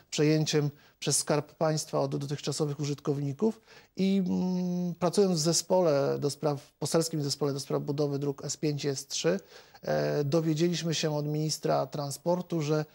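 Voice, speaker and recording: Gravelly-voiced man, hesitant politician. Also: on the high side, darkish tone. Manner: measured, hesitant, many filler sounds. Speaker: member of parliament. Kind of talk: televised political interview. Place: TV studio. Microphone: lapel mic.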